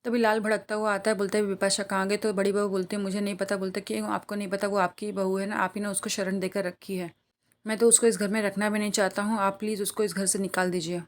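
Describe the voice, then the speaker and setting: A woman narrating a TV serial episode recap, retelling the scenes briskly and reading the characters' quoted lines in her own plain voice. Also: mid-range voice, level tone. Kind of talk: rapid plot-recap narration.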